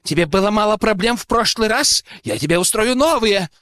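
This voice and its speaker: A man voicing an arrogant, hot-tempered young nobleman with a shrill, nasty high voice, shouting and sneering in an audiobook. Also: expressive, a little fast, dry recording. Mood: gloating.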